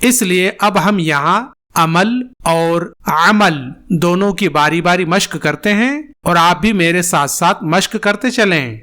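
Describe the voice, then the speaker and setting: Bright-voiced, deliberate Quran pronunciation teacher. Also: mid-range voice. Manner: slow, deliberate, spells letters out and models sounds for the learner to repeat. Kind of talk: tajweed lesson with repetition drills.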